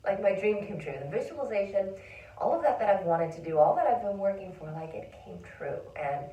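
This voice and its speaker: A woman's voice: mid-range voice, expressive, fairly quick, muffled recording. A woman in a reflective casual monologue, chatty and emotional, full of fillers and whispered inner thoughts. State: tearful at times. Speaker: vlogger and songwriter. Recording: roomy sound from a distance.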